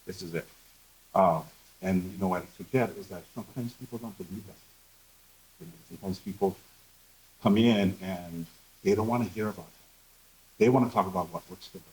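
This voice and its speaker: A man's voice: deep voice, normal speed, long pauses, darkish tone, a little hiss or hum, poor audio. A man speaking candidly on a conference panel, earnest and full of fillers. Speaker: panelist, behavioral health professional. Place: conference room.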